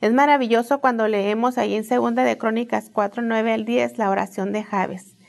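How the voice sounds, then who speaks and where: Woman, middle-aged, devotional teaching, earnest, repetitive phrasing, gravelly edge. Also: a little high, steady tone, normal speed. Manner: earnest, repeats phrases, asks "¿verdad?". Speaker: women's ministry teacher.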